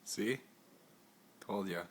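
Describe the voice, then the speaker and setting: A man's voice: fairly low pitch, drawn-out words, slight background noise. A man filming a friend on a home camera, teasing her and laughing a lot. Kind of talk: teasing casual chat. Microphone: handheld camera he is holding.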